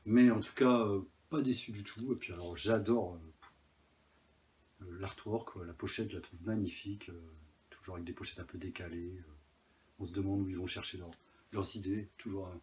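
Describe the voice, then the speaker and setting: A vinyl collector vlogger chats casually about his new vinyl records, enthusiastic yet hesitant and using many fillers. His voice sits low with a warm tone, and there's slight background noise.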